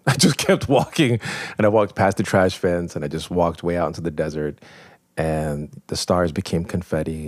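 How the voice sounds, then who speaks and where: Deep-voiced man telling a vivid story. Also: a little mellow, dry recording, studio quality. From New York. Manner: vivid, self-mocking storyteller. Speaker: guest, professor. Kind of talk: storytelling in a podcast interview.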